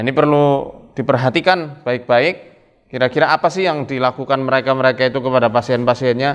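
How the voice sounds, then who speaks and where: A man's voice: medium pitch, a bit bright, clear, resonant tone, long reverb tail. A man who gives a religious talk, then interviews a guest with short questions and murmured prompts.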